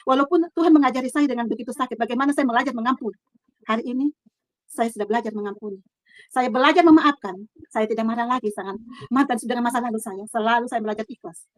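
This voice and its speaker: Fast, high-voiced earnest woman. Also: no echo. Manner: earnest, halting with restarts, swings between soft and loud. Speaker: testimony speaker. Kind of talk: emotional personal testimony. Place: her own room.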